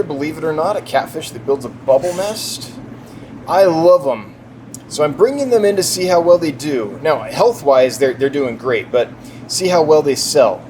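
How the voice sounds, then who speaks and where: A man giving a casual, enthusiastic, unscripted tour of the stock in an indoor fish warehouse as the seller. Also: a little high. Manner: enthusiastic, chatty. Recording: clear background noise, humming ventilation.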